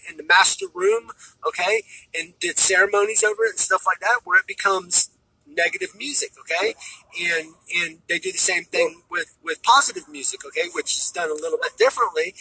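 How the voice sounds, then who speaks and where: Man, rambling spiritual monologue, keeps asking okay, very bright tense tone, dry close sound. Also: high voice, slightly rough, no room sound, poor audio. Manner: says "okay?" after nearly every phrase; repeats and restarts words. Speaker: spiritual speaker.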